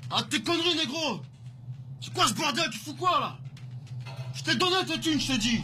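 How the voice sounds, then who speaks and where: An actor playing a terrified man shouting and pleading with an armed attacker. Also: very high voice, expressive, normal speed, a little hiss or hum, exaggerated voice. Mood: panicked. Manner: panicked shouting.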